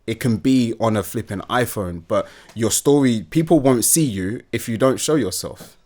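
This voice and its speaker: Lively young British man laughing often. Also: mid-range voice, normal speed. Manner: animated, laughs often, slips into voices. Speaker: guest. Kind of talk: casual interview chat.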